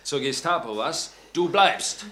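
A man's voice: on the low side, very animated, normal speed, bright, forceful tone, echoey room. An actor playing a stern young man giving orders in a radio drama. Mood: commanding. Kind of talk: 1950s radio drama acting.

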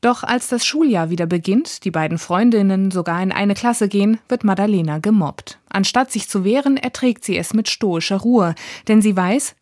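A woman's voice: medium pitch, a little mellow, dry recording, clean studio sound. A woman reading a scripted book review for radio.

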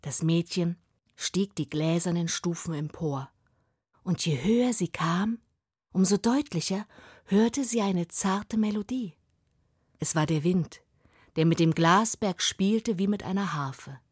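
Slow, husky fairy-tale storyteller woman. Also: fairly low pitch, no echo, clean studio sound. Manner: slow, expressive storytelling, dropping to a whisper at times.

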